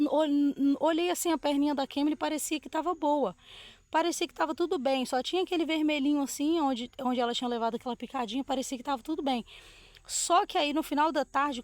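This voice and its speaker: A woman's voice: high voice, no room sound. A middle-aged woman from Brazil, hosting and telling a personal story to her viewers with emotion and lots of diminutives. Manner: emotional, uses many diminutives. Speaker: host. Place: outdoors, dogs and sky in view.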